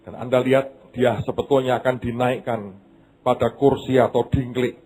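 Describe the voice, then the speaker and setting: A male pastor telling a story in a sermon, dramatic and swinging between loud and hushed delivery. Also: medium pitch, level tone, moderate pace, a little hiss or hum.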